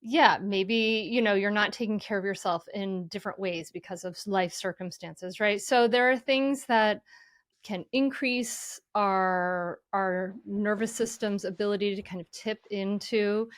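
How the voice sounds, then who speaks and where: A woman guest explaining mindful parenting in an earnest, gentle way, often saying "you know". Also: mid-range voice, unhurried, dry recording, studio quality. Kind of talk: conversational explanation.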